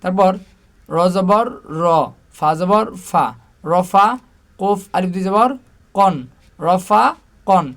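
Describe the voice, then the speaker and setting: Male Quran teacher, fairly high voice, slow patient letter-by-letter drilling. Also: fairly even intonation, fairly bright tone. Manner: slow, patient drilling, asking and answering his own questions. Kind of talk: spelling Arabic letters aloud with vowel marks.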